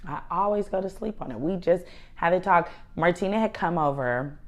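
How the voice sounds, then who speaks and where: Low-voiced woman telling candid stories. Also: lively intonation, moderate pace, darkish tone. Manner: candid, emphatic storytelling with frequent swearing. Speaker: podcast co-host. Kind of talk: casual chat.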